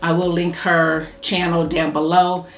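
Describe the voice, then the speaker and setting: A woman chatting casually as she reviews a hair product, talking fast and thinking aloud while she styles her hair. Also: on the low side, flat delivery. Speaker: hair care YouTuber. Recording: echoey room with faint music.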